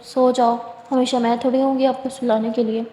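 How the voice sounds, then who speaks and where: Narrator doing a tough guarded young woman outlaw for an audio story, higher voice, flat, echoey room. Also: close to an everyday voice. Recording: echoey room, long reverb, faint hiss.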